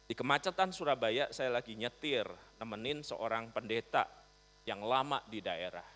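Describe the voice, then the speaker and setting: A male pastor preaching a storytelling sermon, animated, swinging from loud to soft. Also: medium pitch, moderate pace. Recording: long reverb, mains hum.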